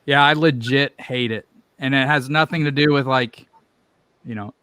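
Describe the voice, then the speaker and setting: A man with a medium-pitched voice, recorded dry without room echo. He speaks bluntly and plainly as a panelist in a casual livestream conversation. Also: normal speed, bright, forceful tone, smooth. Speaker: livestream panelist tasting bourbon. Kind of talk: casual chat.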